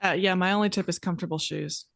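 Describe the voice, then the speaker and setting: A woman's voice: fairly low pitch, fairly even intonation, fast, creaky, no echo, clean studio sound. Easygoing woman guest on a podcast. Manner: self-deprecating and easygoing. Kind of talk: casual podcast chat.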